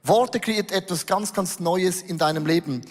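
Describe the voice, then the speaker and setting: A man preaching as pastor, lively and conversational, putting questions to the congregation and reading scripture. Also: sits high, normal speed. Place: church stage before a congregation. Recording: echoey hall reverb.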